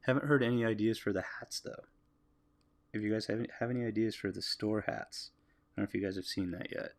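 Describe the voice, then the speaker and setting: A lowish, gravelly American male voice talks casually as he works on a drawing. He muses aloud and answers viewers' comments in a relaxed, easygoing way. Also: quick pace. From United States. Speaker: artist livestreaming a drawing.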